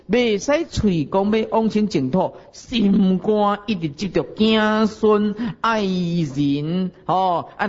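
Monk with Taiwanese Hokkien accent, slightly high, folksy preacher, dull old tape. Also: male voice, darkish tone. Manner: folksy storytelling with chuckles and rhetorical questions. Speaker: Buddhist monk giving a dharma talk. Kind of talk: sermon. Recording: dull lo-fi recording.

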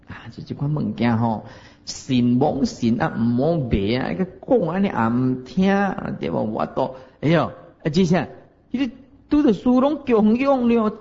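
Taiwanese Hokkien monk, folksy lo-fi sermon. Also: male voice, medium pitch, dark tone, breathy edge. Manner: folksy storytelling with chuckles and rhetorical questions. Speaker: Buddhist monk giving a dharma talk. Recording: dull lo-fi recording.

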